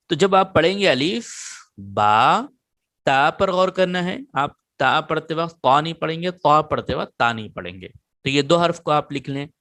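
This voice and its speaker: A man at a middle pitch gives a patient recorded lesson on reading letters. He drills each sound slowly and repeats it so students can take notes. The sound is close and dry. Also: fairly bright tone, no echo. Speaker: Quran reading teacher. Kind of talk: online lesson.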